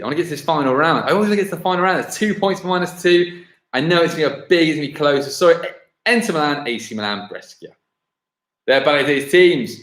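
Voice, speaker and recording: A quiz host with a high-pitched, fairly bright voice runs a live-streamed, pub-style online quiz from an echoey room. He's chatty, often thinking aloud and correcting himself.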